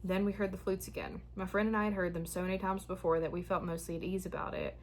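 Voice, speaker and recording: Here a young woman who hosts horror stories talks quickly in a lowish voice, frank and slightly frazzled, then settles into a steady reading of a tale sent in by a listener. Hoarseness is creeping in, and a slight hiss or hum runs underneath.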